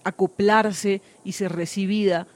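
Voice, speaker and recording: A woman's voice: mid-range voice, steady tone, unhurried. A woman hosting a conversational radio interview, explaining her thoughts at length with many hesitations. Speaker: host.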